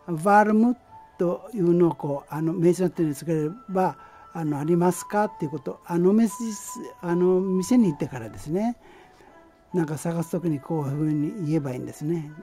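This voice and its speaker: Mellow-voiced man teaching language basics. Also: fairly high pitch, faint music behind. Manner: patient, halting explanation with many fillers. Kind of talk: amateur language lesson.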